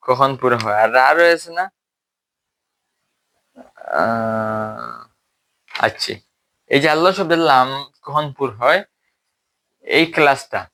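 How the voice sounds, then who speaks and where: A man teaching a recitation lesson, explaining rules step by step, checking that students follow, and slowly modeling drawn-out examples. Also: mid-range voice, bright, forceful tone.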